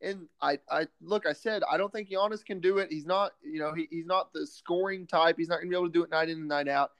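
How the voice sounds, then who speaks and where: A man co-hosting a casual sports podcast, emphatic and excited, often calling his partner "man". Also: a little high, fast talker, smooth, dry recording. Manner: excited and opinionated.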